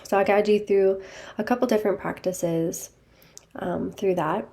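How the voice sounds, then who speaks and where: A woman leading a guided meditation over a video call, speaking gently and soothingly. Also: medium pitch, a little slow, vocal fry.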